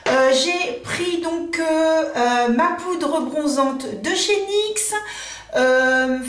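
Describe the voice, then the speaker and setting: A woman's voice: high-pitched, drawn-out words, recorded from a distance. A woman chatting casually through a makeup review video, hesitating often with fillers and joking at herself. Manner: playful, jokes at herself. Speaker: beauty vlogger. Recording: roomy, from away from the mic.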